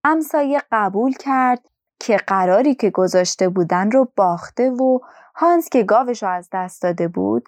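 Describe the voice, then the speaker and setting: A woman storyteller from Iran reading a children's story aloud in a lively, expressive way. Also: medium pitch.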